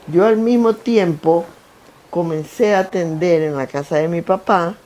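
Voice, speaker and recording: An older woman from Guayaquil with an Ecuadorian coastal accent, telling stories about her work in a lively, anecdotal interview. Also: fairly low pitch, unhurried, slight background noise. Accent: Ecuadorian coastal Spanish, Guayaquil. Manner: animated, anecdotal, lists with repetition. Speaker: interview guest, founder of a foundation. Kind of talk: conversational interview, storytelling. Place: theater stage.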